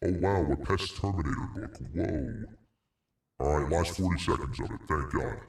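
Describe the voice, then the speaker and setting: A rumbling, cavernous creature voice speaks slowly and carefully. It sounds far from the mic in an echoing space, with a rough, gravelly texture. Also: male voice. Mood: chatty. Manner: slow, careful, deliberate talking. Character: monstrous deep-voiced male cave creature. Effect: deep voice changer filter. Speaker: streamer.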